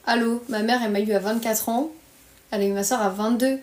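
Brisk and steady, her fairly high voice carries a darkish tone as this early-twenties French woman complains on her livestream in blunt slang. The French accent is clear. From her small bedroom, the phone held at arm's length records a roomy echo.

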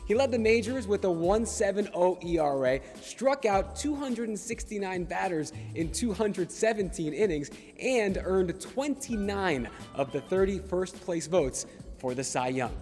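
An energetic young man hosts a pregame baseball show with a bright, high-pitched voice. His scripted delivery is punchy and promotional, and faint music plays underneath him. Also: measured pace. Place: ballpark concourse and museum.

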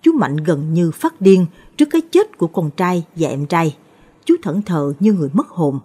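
Low, husky woman storyteller. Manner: steady, measured reading. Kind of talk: scripted narration of a ghost story.

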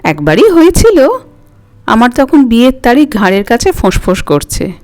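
During a dramatic audiobook character reading, a woman voices an elderly grandmother who is coy, wistful, reminiscing and fondly, mildly snappish in her scolding. Her fairly high voice swings widely in pitch at a normal speed, with a slightly mellow tone. Music plays under her voice.

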